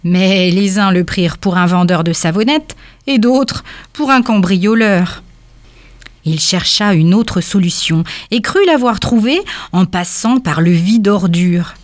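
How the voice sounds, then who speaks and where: A woman reading a children's story aloud at a calm, measured pace. Her voice sits at an ordinary middle pitch.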